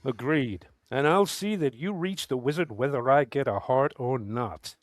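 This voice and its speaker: A man's voice: medium pitch, animated, normal speed, no echo, natural voice. A man acting a wistful, sentimental tin man with theatrical, lilting delivery in a parody radio play. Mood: loyal.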